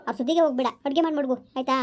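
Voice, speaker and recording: A man's voice: very high voice, steady tone, very fast, a little mellow, highs cut off. A man playing a soothing peacemaker son. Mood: coaxing. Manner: soothing and reassuring, repeats 'okay?'. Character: calm grown son, peacemaker between mother and wife. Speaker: village skit actor. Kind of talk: homemade village family drama.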